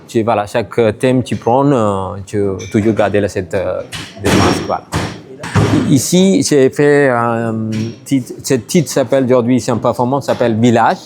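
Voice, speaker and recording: A Sri man speaking in broken, halting French with many hesitations, interviewed as an artist at an exhibition. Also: mid-range voice, a little mellow, soft background music. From Sri Lanka.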